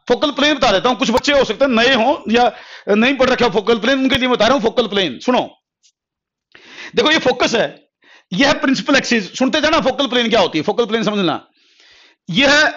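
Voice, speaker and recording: High-voiced man teaching physics, slow and repetitive. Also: a bit bright. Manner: repeats key terms many times, calls students "beta" and "bhai"; dictates notes slowly word by word. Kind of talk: classroom lecture at a board. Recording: dull lo-fi classroom recording.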